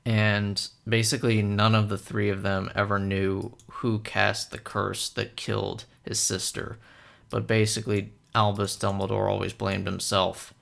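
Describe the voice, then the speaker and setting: Gravelly low-voiced man rambling about film. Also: flat delivery, unhurried, a bit bright. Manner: rambling, many fillers and hesitations. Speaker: film commentator. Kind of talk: casual film analysis monologue.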